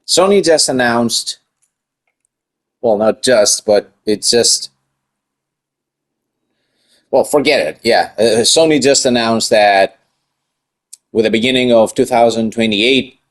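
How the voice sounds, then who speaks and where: A man's voice: mid-range voice, slow pace, pauses often. A man in his thirties hosting his own channel, chatting casually and rambling with restarts. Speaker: channel host. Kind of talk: casual vlog chat.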